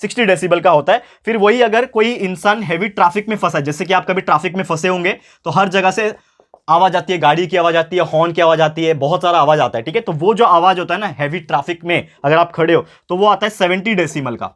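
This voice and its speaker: This online science tutor is a man with a high-pitched voice who talks fast, treating his school-class viewers as friends. He restates key points and speaks somewhat louder than normal so he stays clear.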